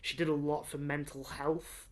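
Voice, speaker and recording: A man's voice: fairly high pitch, level tone, moderate pace. A young man co-hosting a podcast, chatting casually and enthusiastically, rambling with lots of fillers. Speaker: podcast co-host. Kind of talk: casual chat.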